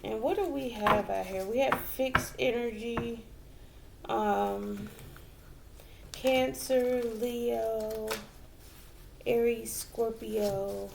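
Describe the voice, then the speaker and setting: Female tarot reader, unhurried and musing, heavy vocal fry, faint background hiss. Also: a little high, steady tone. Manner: slow and reflective, with many fillers and restarts. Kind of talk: tarot reading for viewers.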